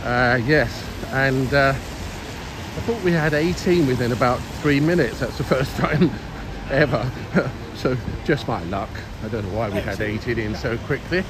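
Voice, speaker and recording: An older man, likely late sixties or beyond, rambles casually to viewers while live-streaming a walk through busy city streets. His voice is medium-pitched and unhurried. Street and traffic noise comes through clearly, with vehicles and urban ambience all around.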